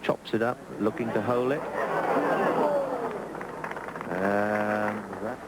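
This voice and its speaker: Male golf commentator, lower register, given to repeated exclamations, over heavy broadcast noise. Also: steady tone, takes it slowly, over a noisy crowd. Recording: noisy outdoor broadcast, vehicle-like rumble.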